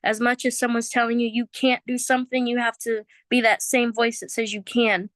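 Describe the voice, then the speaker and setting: A woman's voice: fairly high pitch, flat delivery, brisk, fairly bright tone, no echo. A woman whose first language is Chamorro, sharing personal experience as a learner in an earnest, emotional, informal way. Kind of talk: heartfelt personal testimony in casual talk.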